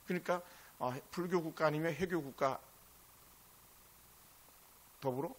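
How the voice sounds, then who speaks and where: A male pastor preaching a sermon, impassioned and swinging between loud exclamations and hushed asides. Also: fairly high pitch, measured pace.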